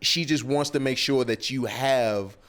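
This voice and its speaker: A man co-hosting a podcast in casual chat, supportive and steady, and often chiming in with agreement. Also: mid-range voice, measured pace. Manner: supportive, frequent agreeing interjections. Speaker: podcast producer and co-host.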